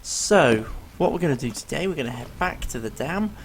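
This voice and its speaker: A man gives easygoing let's-play commentary, explaining the game as he plays and filling it with ums and uhs. His voice is strained and failing, rough and tired-sounding, yet fairly high, animated, and brisk, with slight background noise.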